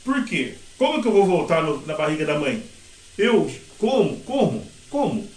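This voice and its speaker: Middle-aged male teacher, lively and chatty, high voice, recorded in a roomy space from a distance. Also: fairly quick. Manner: lively, acts out examples and quotes. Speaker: sign language interpreting teacher. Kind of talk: casual classroom teaching. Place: classroom. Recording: echoey room, mic at a distance.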